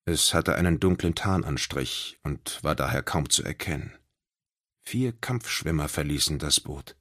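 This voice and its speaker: A man narrating a children's audiobook in an expressive storytelling manner. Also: rumbling low, measured pace.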